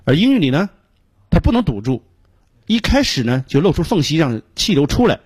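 A man teaching English pronunciation on a radio lesson, explaining patiently step by step and repeating sounds slowly to demonstrate them. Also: a little high, sing-song, a little mellow, husky, dry recording.

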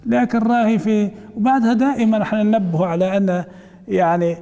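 A man's voice: high voice, fairly even intonation, quick pace, mellow, big-room sound. A man teaching a hadith commentary, reading the text aloud, then explaining it in colloquial asides and putting questions to his class.

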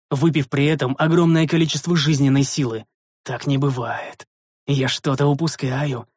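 A man narrating a first-person fantasy audiobook in a measured, steady reading voice. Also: on the high side, dry recording, clean studio sound.

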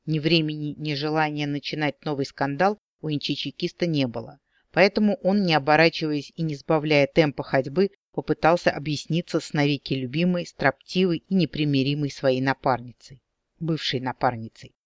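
A man narrating an audiobook in a measured, expressive reading. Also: on the high side, no room sound, lo-fi sound.

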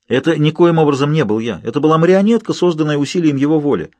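A man narrating an audiobook in the first person, with steady, measured storytelling. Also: a little high, dry recording.

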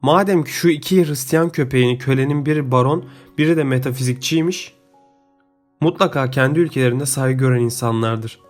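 A man's voice: mid-range voice, brisk, soft background music, close to an everyday voice. A man reading an audiobook, voicing a harsh, greedy ship captain who speaks with contempt and makes demands. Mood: scornful.

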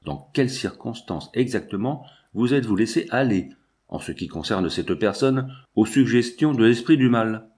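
A man's voice: medium pitch, lively intonation, moderate pace, a little mellow, lightly acted. A man reading aloud who voices a pushy priest pressing a dying man with probing questions. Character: pushy, prying male priest, middle-aged.

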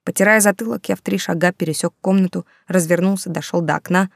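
Brief: woman audiobook narrator, measured scripted reading, low voice, dry close mic. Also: steady tone, creaky, dry recording. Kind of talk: scripted first-person narration.

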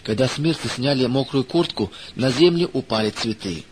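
Man, children's story narrator, measured gentle delivery, mid-pitched voice, faint hiss. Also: expressive, low-quality recording.

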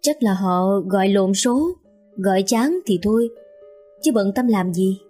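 A woman's voice: medium pitch, animated, measured pace, dark tone, faint music behind, lightly acted. A woman voicing an anxious, clingy middle-aged mother who pleads with her son. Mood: complaining. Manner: pleading and stammering.

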